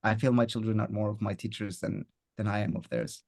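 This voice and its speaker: A father speaking as a podcast guest, earnest and thoughtful, often pausing and restarting his sentences. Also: on the low side, flat delivery, creaky, a little mellow. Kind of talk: reflective podcast conversation.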